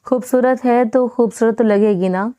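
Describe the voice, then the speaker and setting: A woman's voice: a little high, mellow, clean tone, close to an everyday voice. A woman reading the lines of a doting, possessive older husband in an affectionate, coaxing way.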